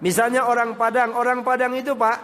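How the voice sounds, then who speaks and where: This Indonesian man preaches an Islamic sermon in an extremely high, rather flat voice that is a little fast and a bit bright. Sir and madam, or Pak and Bapak Ibu, come up constantly as he addresses the audience. Faint noise and hall reverb sit under the recording.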